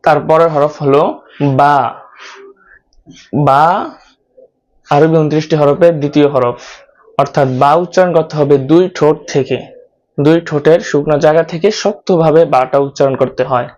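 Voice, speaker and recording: A man from Bangladesh teaching an online Quran lesson, slowly explaining how to pronounce each Arabic letter and repeating each sound many times. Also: fairly high pitch, fairly even intonation, a little mellow, highs cut off.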